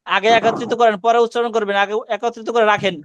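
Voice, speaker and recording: Quran tutor on a video call: man, high voice, quick and crisp, keeps correcting and repeating short commands. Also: level tone, a bit bright, muffled recording. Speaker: Quran recitation teacher. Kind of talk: online class instruction.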